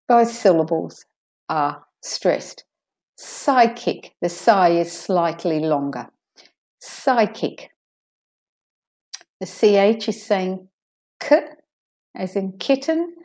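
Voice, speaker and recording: A woman teaching pronunciation in an audio lesson, saying each word slowly and twice and marking stressed syllables. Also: medium pitch, mellow.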